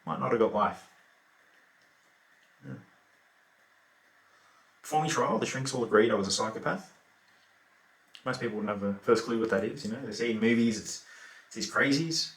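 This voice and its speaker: A man's voice: mid-range voice, creaky, a bit bright, distant mic. A man playing an offhand Australian killer. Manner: offhand, laconic, full of fillers. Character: remorseless lazy adult male killer, offhand. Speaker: actor performing a monologue. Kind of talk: theatrical monologue. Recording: roomy echo.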